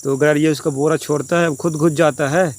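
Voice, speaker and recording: A man spins a comic village folk tale in a plain, rambling, repetitive style, as a casual oral storyteller. His voice runs on the high side, steady and fairly quick.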